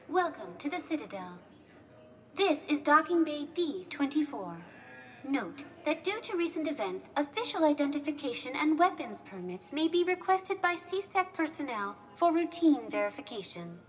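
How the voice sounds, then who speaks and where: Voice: a calm station guide AI. Pitch: high. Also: female voice, normal speed. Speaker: information terminal. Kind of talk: video game voice acting.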